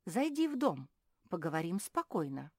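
A woman voicing a polite, gentle female animal detective in a children's audiobook, with a calm, kindly manner. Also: fairly low pitch, moderate pace, dry recording, studio quality.

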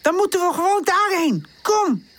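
A woman voicing an eager, bold young male puppy, calling out in an excited, squeaky voice. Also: normal speed, exaggerated voice.

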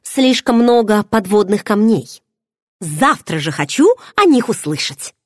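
A woman's voice: medium pitch, sing-song, a little slow, no echo, studio quality, pitched above the performer's own voice. A woman voicing a playful, nosy young pregnant friend who teases with pushy questions. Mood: teasing. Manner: teasing, bubbly, pushy questions.

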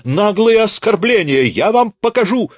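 Brief: a man as a creaky, indignant old male schoolmaster in an audiobook. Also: low-pitched, measured pace, no echo. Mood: outraged.

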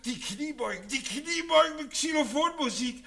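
A guffawing, patronizing old colonel. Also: male voice, medium pitch, big pitch swings, normal speed, pushed and bright, slightly rough, full character voice. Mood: mocking mirth. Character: condescending jovial old colonel, laughing loudly. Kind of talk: 1940s radio drama acting.

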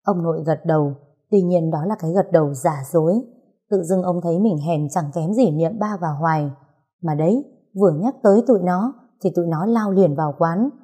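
A woman reading a story aloud as narrator, lively and expressive. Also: lowish voice, a little fast, breathy edge.

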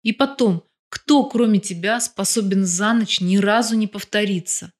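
A woman's voice: medium pitch, normal speed, lightly acted. Audiobook: woman reader doing a cocky husband, mocking, flirty. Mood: pleading. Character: confident husband, smug and teasing.

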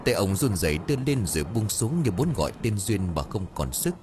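A deep-voiced man reads a dramatic audiobook story with lively, rising and falling intonation. A faint background noise sits under his voice. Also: brisk. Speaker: narrator. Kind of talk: scripted audiobook narration.

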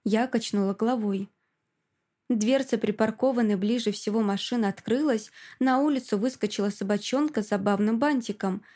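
A woman's voice: fairly high pitch, normal speed, dark tone. Woman narrating a first-person audiobook.

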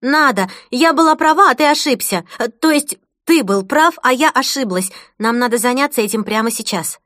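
A woman voicing a harried young mother who scolds briskly, then turns soft and soothing. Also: high voice, expressive, no echo, clean studio sound, pitched above the performer's own voice.

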